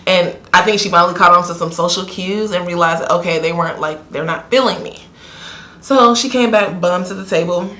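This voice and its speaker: A young woman, telling a casual story time in a chatty, animated way full of fillers. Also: on the low side, fairly quick, a little hiss or hum. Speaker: vlogger. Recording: roomy echo.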